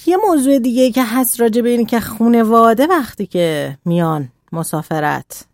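A woman talking calmly as a radio guest, explaining parenting and boundaries in a measured way. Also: fairly high pitch, no room sound, clean studio sound.

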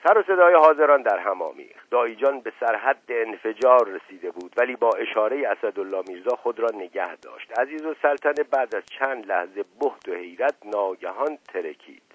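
A man's voice: on the low side, animated, few pauses, breathy edge, dry recording. A man narrating an audiobook in a dramatic, varied reading. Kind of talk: scripted narration. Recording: tinny phone-like, dry.

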